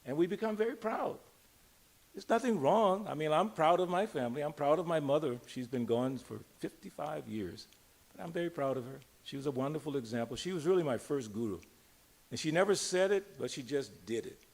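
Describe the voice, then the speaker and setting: This older religious teacher's voice is a little high, gravelly and slightly mellow, with lively intonation and a fairly quick pace. He gives an informal, conversational yet emphatic temple discourse to a live gathering, asking questions and drawing out key words.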